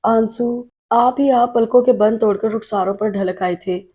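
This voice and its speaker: A woman narrating a novel in a steady, emotive audiobook reading. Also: a little high, husky.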